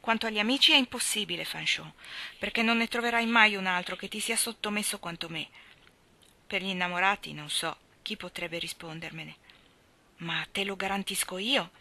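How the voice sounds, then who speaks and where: A woman's voice: mid-range voice, moderate pace, creaky, bright, forceful tone. A woman reading as a pleading lovesick country lad.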